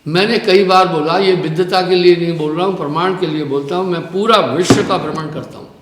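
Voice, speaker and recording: A man's voice: high-pitched, steady tone, a little fast, slight background noise. A man giving a live spiritual discourse as teacher, telling a parable and explaining language in a preaching, storytelling manner. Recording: echoey hall with long reverb.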